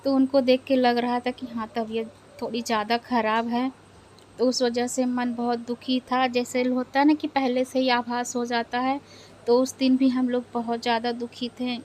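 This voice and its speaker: A young woman vlogger, quietly and sadly recounting a family loss with hesitant pauses. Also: on the high side, flat delivery, slight background noise. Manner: sad, subdued, hesitant retelling of a family loss. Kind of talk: personal vlog storytelling.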